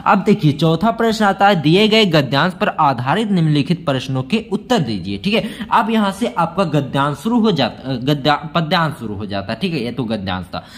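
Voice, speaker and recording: A male teacher walking students through exam questions, calling them friends and saying "theek hai" often, reading verse lines slowly. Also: a little high, very animated. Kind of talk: exam-prep lesson walkthrough.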